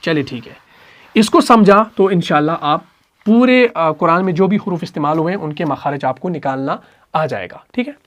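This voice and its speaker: A man with an Urdu accent teaching Quran recitation rules, patiently repeating letters and sounds slowly. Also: fairly high pitch, lively intonation. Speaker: tajweed teacher.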